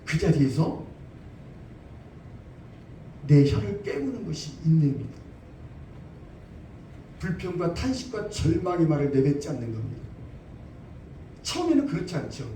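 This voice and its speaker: Male pastor preaching in a church, lively swooping high voice, mellow tone, emphatic repeats; caught from a distance. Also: unhurried, long pauses, slight background noise. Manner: emphatic, repeats phrases, asks rhetorical questions. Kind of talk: sermon. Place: church sanctuary. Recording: roomy, distant church recording.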